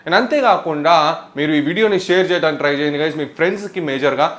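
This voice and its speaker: A young man, hosting a casual tech vlog in a chatty, animated way and mixing in English words. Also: fairly high pitch, rapid-fire. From India. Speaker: tech YouTuber.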